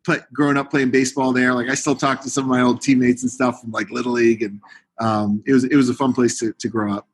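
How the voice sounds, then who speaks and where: Easygoing male guest from Connecticut, middle pitch, rambling. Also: fast talker, husky. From Connecticut, USA. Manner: relaxed, rambling, many "uh" and "like". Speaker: guest, fitness coach. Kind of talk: podcast interview.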